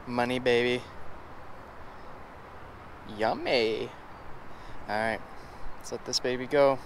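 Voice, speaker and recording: A man in his thirties vlogging while fishing by a pond, talking excitedly to viewers through an action camera. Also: medium pitch, slow pace, poor audio. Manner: excitable, hypes up catches to viewers. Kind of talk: casual outdoor vlog. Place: outdoors by a pond. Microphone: action camera, selfie framing. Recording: outdoor camera with clear background noise.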